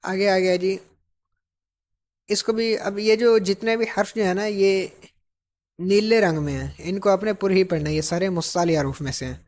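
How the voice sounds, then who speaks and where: A woman teaching Quran reading, drawing out each syllable slowly and explaining quickly in between. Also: mid-range voice, a little mellow. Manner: slow, drawn-out syllables alternating with quick explanations. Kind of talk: slow drilled recitation lesson.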